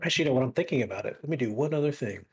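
A gravelly, expressive male voice at medium pitch talks very fast while hosting a casual gaming stream show. The podcast chat rambles, overflowing with fillers as he restarts and corrects himself.

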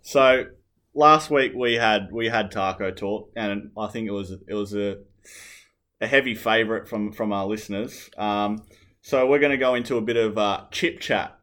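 Casual man, low voice. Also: moderate pace, a bit bright. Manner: rambling, filler-heavy, opinionated. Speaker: podcast co-host. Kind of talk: casual chat.

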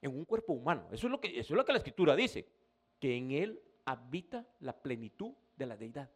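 A man's voice: mid-range voice, very animated, brisk, husky. A male pastor preaching a sermon in a conversational way, often addressing the listener as brother and rising into emphatic bursts.

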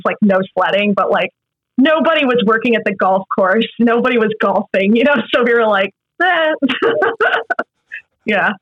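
Speaking a little high, a young American actress from Massachusetts giggles and chuckles her way through a casual chat as an interview guest. The recording is close, dull, slightly lo-fi and free of echo.

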